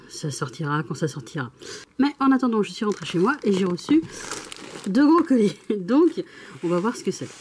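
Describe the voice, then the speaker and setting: A young adult woman chatting casually in a vlog, giggling often and getting excited as she talks about her day. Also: on the low side. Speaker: vlogger.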